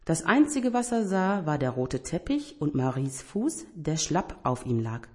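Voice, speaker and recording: Low-voiced woman reading a bedtime story. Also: a little slow. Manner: gentle, expressive reading.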